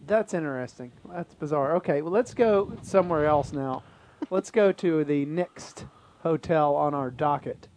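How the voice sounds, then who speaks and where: A man's voice: fairly high pitch, measured pace, hardly any pauses, darkish tone, a little hiss or hum. Wry man hosting a podcast chat. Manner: leads the talk, wry and joking. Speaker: podcast host. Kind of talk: casual chat.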